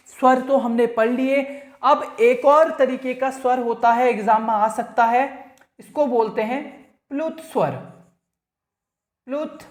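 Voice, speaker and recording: A man teaching a grammar lesson to exam students. He repeats key points, quizzes the listener, and draws out the vowel sounds he demonstrates. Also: extremely high pitch. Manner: drawn-out, stretched vowel demonstrations. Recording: echoey room.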